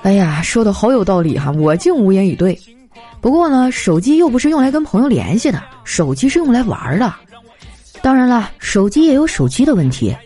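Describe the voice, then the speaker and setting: A young woman telling comic anecdotes in a chatty, animated way, slipping into voices for the people in her stories. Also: mid-range voice, a little fast, slightly rough. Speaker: comedy storyteller. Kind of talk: scripted comic monologue. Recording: light background music. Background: faint music.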